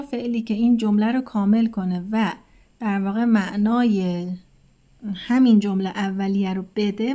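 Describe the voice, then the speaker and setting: A woman with a Persian accent, teaching English vocabulary in a casual lesson. She goes slowly and carefully and reads the English examples word by word. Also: on the high side, warm tone. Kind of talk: casual lesson talk, translating words one by one.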